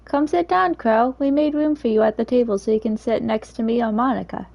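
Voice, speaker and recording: Woman putting on a bubbly teen girl, all excited and eager, a little gravelly. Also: fairly high pitch, brisk, lo-fi sound. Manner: eager, bouncy.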